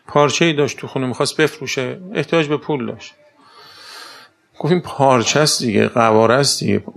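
A man's voice: medium pitch, vocal fry. A man giving a conversational lecture, asking rhetorical questions and telling anecdotes. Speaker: speaker giving a talk.

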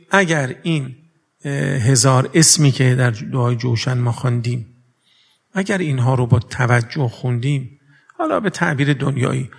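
Gravelly-voiced preacher man in a big hall. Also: medium pitch. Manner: earnest, full of rhetorical questions, mixing formal and everyday speech. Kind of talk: religious sermon. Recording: long reverb of a large hall.

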